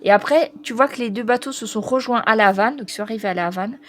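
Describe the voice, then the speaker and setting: A woman running a tabletop role-playing game as game master, reading out a long list with many pauses and fillers, stumbling over foreign names. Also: a little high. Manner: reads foreign names haltingly.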